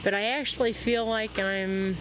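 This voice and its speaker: A man's voice: high-pitched, steady tone, moderate pace, background noise. A man in his seventies answering a street interview in a carefree, joking way. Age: 70s.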